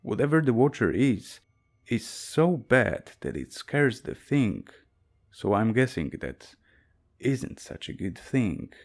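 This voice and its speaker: A man's voice: mid-range voice, big pitch swings, slow, gravelly. A man reading a horror story aloud as a narrator, with a dry, wry storytelling delivery.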